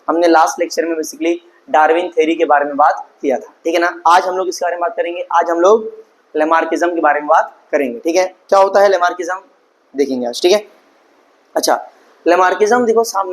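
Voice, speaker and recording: A man teaching an online class, often asking his students a question and answering it himself, and reading English lines slowly. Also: fairly high pitch, poor audio. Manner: mixes Hindi with English terms, reads English lines slowly.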